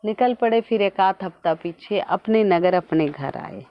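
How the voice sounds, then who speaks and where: A woman narrating a devotional folk tale in a simple, unhurried storytelling manner. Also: mid-range voice, highs cut off.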